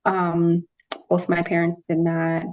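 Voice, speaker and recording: A woman high school social worker giving a polite, brisk self-introduction. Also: monotone, a little mellow, dull audio. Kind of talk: casual self-introduction in a group meeting.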